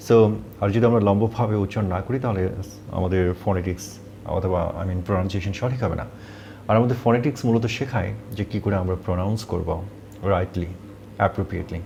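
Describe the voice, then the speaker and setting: A man's voice: on the low side, warm tone, a little hiss or hum. A man teaching English pronunciation, patiently repeating points and saying example words aloud. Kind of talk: explanatory lesson.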